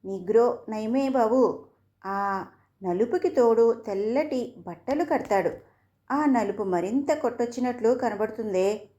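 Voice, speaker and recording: A woman's voice: on the high side, a little slow, dark tone, dull audio, lightly acted. A woman voicing a proud young college girl who sneers at a classmate. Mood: mocking.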